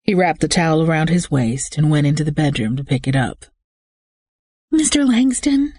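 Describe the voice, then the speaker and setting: An audiobook narrator reading a first-person thriller with steady, tense storytelling. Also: mid-range voice, fast talker, no echo, studio quality.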